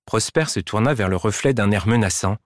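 Expressive male storybook reader. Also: lowish voice. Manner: lively, drawn-out, expressive. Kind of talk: children's storybook reading.

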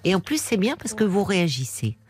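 A woman hosting a late-night radio call-in show in a studio, speaking in a gentle, soothing and attentive way. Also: mid-range voice, very animated, brisk, slightly rough. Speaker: radio phone-in host. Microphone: studio microphone.

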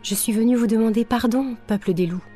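A woman voicing a brave but timid little girl in a storybook reading, soft and hesitant. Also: mid-range voice, slow pace, faint music behind, voice pushed up, close to an everyday voice. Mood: pleading.

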